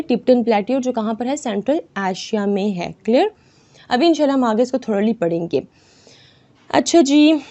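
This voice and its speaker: Higher-pitched woman teacher, dull lo-fi audio. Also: mellow. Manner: reads English lines slowly then explains in Urdu, repeats "theek hai" constantly. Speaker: exam prep teacher. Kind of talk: screen-share lesson. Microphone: voice-over on screen recording. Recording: dull lo-fi voice-over.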